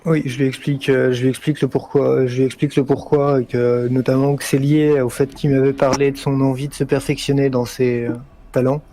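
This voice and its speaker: A man playing a tabletop game, speaking in character in a measured, explanatory way. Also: mid-range voice, level tone, warm tone. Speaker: player. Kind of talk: in-character tabletop role-play.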